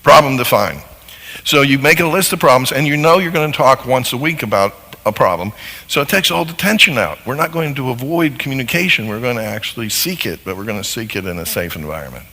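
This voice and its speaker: A man giving a seminar talk to a live audience, animated and acting out little scenes as he explains. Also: mid-range voice, fast talker, long reverb tail, low-quality recording. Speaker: marriage seminar speaker.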